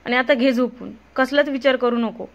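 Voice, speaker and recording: Woman reading as a gentle young wife, soft tender delivery, high voice, dull lo-fi sound. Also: moderate pace, close to an everyday voice.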